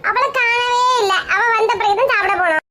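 Woman playing a gossipy friend, kanyakumari tamil accent, very high voice, noisy recording, comedy skit. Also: a little fast, sharp tone. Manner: gossipy, dramatic exclamations. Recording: clear background noise.

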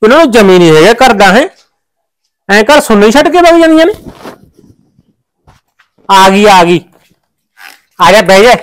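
A village man back from feeding the buffaloes, played by a man, grumbling in an offhand way. His voice sits high and sounds smooth and clear. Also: expressive, normal speed, pauses often. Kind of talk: village web drama acting.

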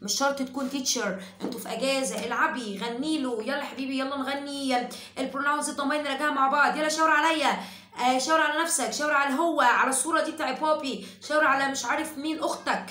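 High-voiced Egyptian woman teaching in an echoey room. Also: fairly even intonation, rapid-fire, sharp tone. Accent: Egyptian Arabic. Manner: chatty, sings short chanted drills. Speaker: English teacher. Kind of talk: explaining and singing a lesson for parents.

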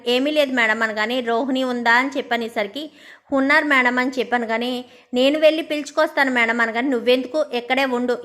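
Bright high-voiced woman retelling a story. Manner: narrates and quotes every character in her own voice. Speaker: storyteller retelling a serial episode. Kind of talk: casual spoken story recap.

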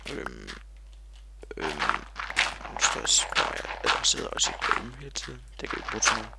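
A man's voice: low-pitched, gravelly, very noisy. A man giving rambling, silly video game commentary, full of fillers and talking to himself. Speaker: gamer.

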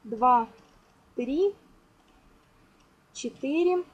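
A woman with a high, expressive voice speaks extremely slowly while patiently leading an informal step-by-step craft lesson at an indoor table, counting aloud and using affectionate diminutives. It's a rough amateur home recording with clear background noise.

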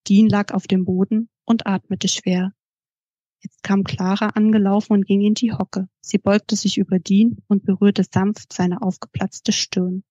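Woman author reading evenly, mellow voice. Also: medium pitch, slightly rough, no room sound, dull audio. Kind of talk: reading aloud from her own novel.

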